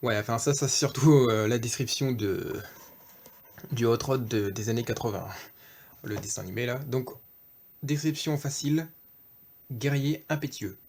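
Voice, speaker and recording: A man's voice: medium pitch, normal speed, long pauses, darkish tone, a little hiss or hum. A man giving a casual off-camera toy review, hesitant, with many fillers and self-corrections.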